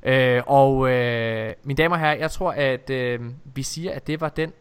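A man's voice: mid-range voice, fairly even intonation, clean tone. A man hosting a casual gaming podcast over Skype, talking animatedly with many fillers and restarts. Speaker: podcast host.

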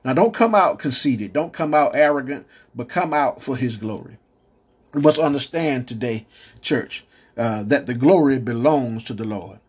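Husky preacher man, amen after amen. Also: mid-range voice, lively intonation, moderate pace. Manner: call-and-response preaching, repeated amens, stammering restarts. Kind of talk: podcast sermon.

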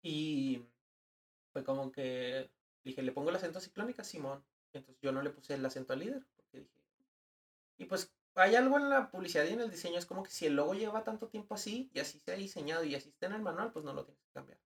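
A young man with a northern Mexican accent, a guest in a casual podcast chat, telling animated stories full of slang and acted-out quotes. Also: fairly high pitch, brisk. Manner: animated storyteller, slangy, acts out quoted voices. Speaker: guest, advertising designer.

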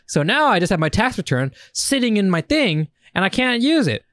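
Swearing freely and acting out his reactions, a young man co-hosting a podcast tells stories in an animated, casual chat. His voice sits high, moves at normal speed, and the recording is dry.

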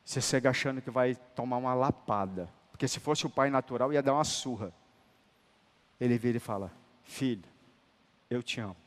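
A man preaching a sermon, emphatic and colloquial, moving between loud declarations and hushed, tender lines and calling listeners brother. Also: medium pitch, fairly quick. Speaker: apostle preaching. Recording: long hall reverb.

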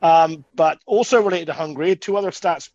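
Higher-pitched man, dull lo-fi sound. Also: a little fast, a little mellow, dry recording. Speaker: co-host presenting stats. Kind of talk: casual sports chat.

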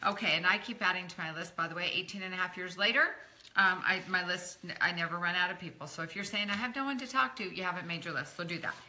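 This network marketing coach, a middle-aged woman, talks fast in a lowish, bright, pushed voice during a live training session. She's encouraging and chatty, greeting viewers by name, and sounds a bit croaky from talking a lot. Slight background noise can be heard.

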